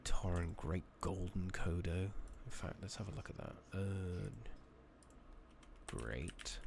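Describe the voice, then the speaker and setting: Hushed and unhurried, a gaming channel host narrates his playthrough as ASMR commentary, thinking out loud to himself. He has a very low voice laden with vocal fry, and his murmuring rises and dips with energy, occasionally becoming a whisper. Background noise is audible.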